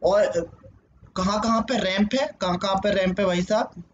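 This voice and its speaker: A man's voice: sits high, moderate pace. A male teacher explaining a lesson at a board, asking questions and answering them himself, checking in with "okay" often. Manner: frequent "ठीक है" check-ins. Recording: dull lo-fi sound with faint noise.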